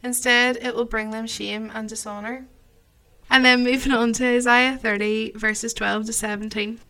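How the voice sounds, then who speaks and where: A woman reading scripture aloud in a measured delivery. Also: on the high side, flat delivery, bright, forceful tone. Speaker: reader.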